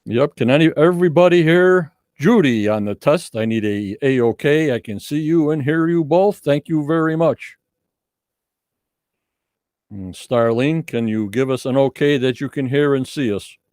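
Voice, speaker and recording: A man's voice: medium pitch, a little slow, darkish tone, no room sound, studio quality. A man hosting a live podcast, chatting casually to his online viewers and repeating himself as he goes. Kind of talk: casual livestream chat with viewers.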